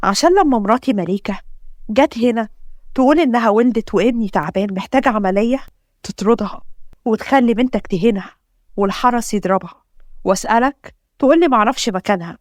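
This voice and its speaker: Protective rich father, read by an Egyptian woman, firm, commanding, brisk. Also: a little high, no echo, clean studio sound, lightly acted. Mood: stern.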